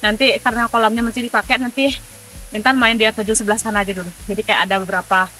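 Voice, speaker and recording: A bright, fast-talking woman with an Indonesian accent chats her way through a travel vlog outdoors. Her voice sits a little high and she keeps things upbeat and loose, full of fillers, with light music running underneath. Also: steady tone. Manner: chatty, upbeat, with many fillers. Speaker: travel vlogger. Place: outdoors at a waterfall.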